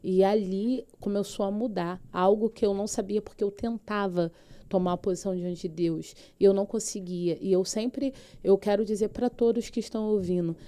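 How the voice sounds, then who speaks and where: Brazilian lady pastor telling her faith story, warm low-key tone, really vivid and fervent. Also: fairly even intonation, moderate pace, smooth. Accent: Brazilian Portuguese. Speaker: pastor, podcast guest. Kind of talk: personal faith testimony.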